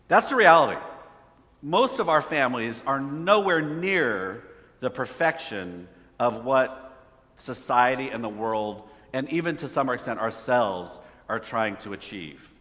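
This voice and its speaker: A man delivers a chatty sermon at a measured pace, asking the congregation questions in a medium-pitched, bright, pushed voice with big pitch swings. Slides run off a phone hotspot, and the hall echoes heavily.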